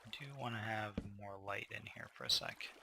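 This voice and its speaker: A man's voice: on the low side, lively intonation, brisk, vocal fry, very noisy. A man casually narrating his gameplay, thinking aloud with fillers, a little tired. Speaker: gameplay commentator.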